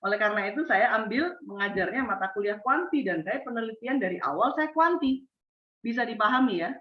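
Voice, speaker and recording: A woman gives a university lecture, talking expressively and quizzing her students as she goes. Her voice sits fairly high. She is recorded far from the mic in an echoey space, with a dull, muffled tone. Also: a little fast. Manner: expressive, acts out example answers, asks the class questions. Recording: echoey, distant, dull sound.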